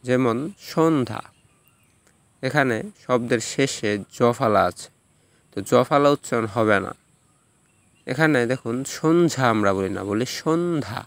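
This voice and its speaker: Guy teaching a lesson, bit of gravel in his voice, drags out each example word slowly. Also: medium pitch, fairly bright tone, dry recording. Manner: slow, drawn-out repetition of example words. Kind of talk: recorded lesson, spelling out rules.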